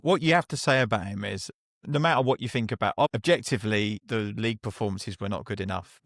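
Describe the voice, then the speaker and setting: A man co-hosting a football podcast, giving measured analysis that turns frustrated, in casual chat. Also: lowish voice, dry recording, studio quality.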